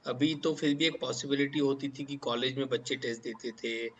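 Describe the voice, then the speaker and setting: A man's voice: medium pitch, steady tone, normal speed, slight background noise. A man hosting an interview, asking his guest questions politely and calling him sir. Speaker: host.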